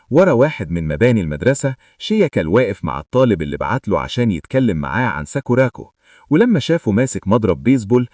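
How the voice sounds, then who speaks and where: Fast, lively Egyptian man narrating. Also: lowish voice, dry recording, clean studio sound, recorded from a distance. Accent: Egyptian Arabic. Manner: lively, joking storyteller. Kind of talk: comic manga recap narration.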